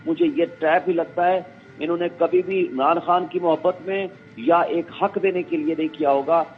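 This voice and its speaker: A man's voice: on the high side, fairly even intonation, a little hiss or hum. Man arguing a case down a phone line. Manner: measured legal arguing, quotes others. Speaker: lawyer guest. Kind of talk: phone-in interview. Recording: tinny phone line with faint music.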